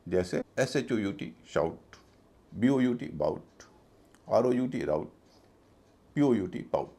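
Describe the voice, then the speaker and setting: Gravelly Hindi-speaking pronunciation teacher. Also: male voice, lowish voice, very animated, dark tone. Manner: spells out letters slowly, then stresses each pronunciation. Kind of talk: explanatory video lesson.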